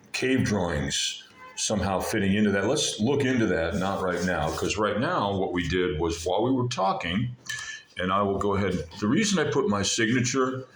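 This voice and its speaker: A man with a low-pitched voice gives an informal, rambling art tutorial. He talks haltingly, circling back and rephrasing as he goes. The room is echoey, with a faint noise behind him. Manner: halting, meandering, often breaks off and rephrases mid-sentence. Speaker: art lesson video host.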